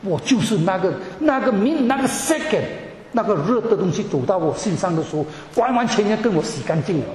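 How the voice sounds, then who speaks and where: A man's voice: high voice, lively intonation, fairly quick, darkish tone, slight background noise. A man giving an emotional personal testimony to a congregation, often stammering and repeating words and dropping in English words. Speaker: church member giving a testimony. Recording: echoey hall with long reverb.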